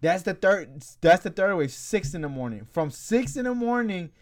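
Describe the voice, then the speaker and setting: A man's voice: sits high, very animated, moderate pace. Slangy man telling a story. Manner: slangy, rambling, laughs through the story. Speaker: storyteller among friends. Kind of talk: casual chat.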